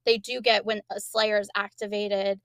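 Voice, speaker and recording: A woman with a gravelly, fry-laden voice recaps a TV episode for her co-host. She rambles loosely and slips into quoting the characters as she goes. The sound is close and dry. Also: mid-range voice, little pitch movement, moderate pace, fairly bright tone, dry recording. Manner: rambling, quotes characters with laughs. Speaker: podcast co-host. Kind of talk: casual chat, recapping episodes.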